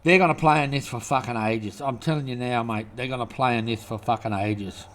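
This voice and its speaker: Swearing constantly, an Australian host rambles through an angry, profane rant to camera. He talks a little fast in a medium-pitched, slightly bright voice, with a faint hiss or hum in the recording.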